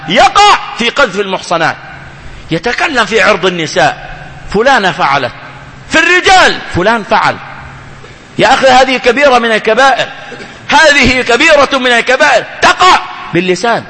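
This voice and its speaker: Impassioned preacher, high lively voice. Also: male voice, a little fast. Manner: impassioned, swings between loud cries and low hushed lines. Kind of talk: sermon. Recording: long hall reverb.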